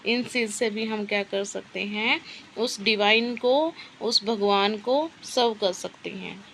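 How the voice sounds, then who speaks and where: A woman teacher giving an exam-prep literature lesson, explaining slowly and asking and answering her own questions. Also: mid-range voice, fairly bright tone, slight background noise, low-quality recording.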